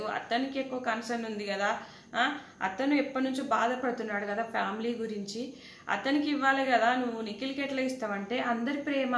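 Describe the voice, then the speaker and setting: A woman reviewing a reality show in casual, animated talk, addressing the contestants directly. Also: a little high. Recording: echoey room with faint background noise.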